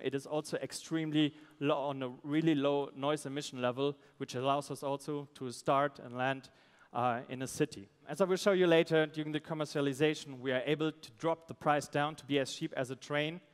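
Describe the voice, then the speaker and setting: A man, a startup founder giving a halting, pitch on a conference stage. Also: clear, resonant tone. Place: stage in a large event hall. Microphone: headset. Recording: amplified voice in large reverberant hall.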